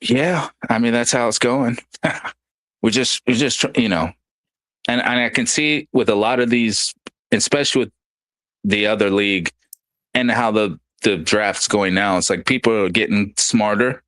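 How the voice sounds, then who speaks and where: A man's voice: fairly low pitch, normal speed, fairly bright tone, no echo. A man hosting a casual podcast, rambling loosely and reading out listener comments. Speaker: podcast host. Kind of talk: casual chat.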